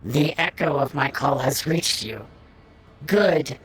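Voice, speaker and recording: An actor playing a wounded, delirious cyborg priest who speaks in slow, solemn riddles in a video game. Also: male voice, medium pitch, lively intonation, a bit bright, faint music behind, poor audio. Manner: slow, solemn, prophetic speech.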